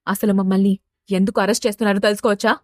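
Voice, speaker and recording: A woman's voice: mid-range voice, steady tone, racing, no room sound, clean studio sound, lightly acted. A woman voicing an arrogant young man, a politician's son, who talks in an irritated, dismissive way.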